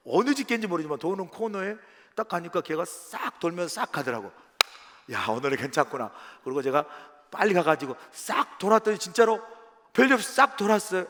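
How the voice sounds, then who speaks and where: Animated high-voiced male pastor. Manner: animated, acts out scenes and his own quotes. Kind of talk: sermon storytelling. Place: church sanctuary. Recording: long church hall reverb.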